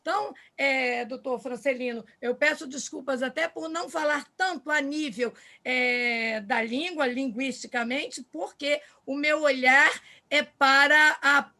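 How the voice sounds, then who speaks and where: A woman's voice: high-pitched, unhurried, sharp tone. A woman with a Brazilian Portuguese accent, speaking as a panelist on a video call. She is hesitant and repeats words while searching for how to put things. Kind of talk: explanatory talk in an online panel.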